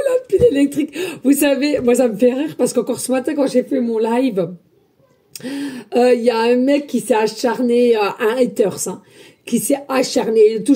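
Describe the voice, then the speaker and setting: A woman medium giving a spiritual guidance reading, talking loudly and emphatically and chatting with her viewers as friends. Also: a little high, moderate pace, slightly rough. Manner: loud, emphatic, energetic talk. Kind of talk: casual spoken guidance to viewers.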